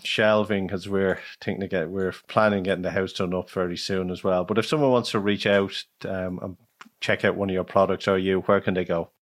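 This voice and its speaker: A man hosting an interview who talks casually and haltingly, with frequent restarts. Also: fairly low pitch. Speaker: podcast host. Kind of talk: conversational interview.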